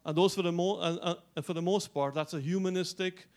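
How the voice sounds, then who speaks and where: Animated man preaching a sermon. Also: high-pitched, brisk. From Guyana. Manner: animated preaching with repeated restarts and rising emphasis. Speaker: pastor.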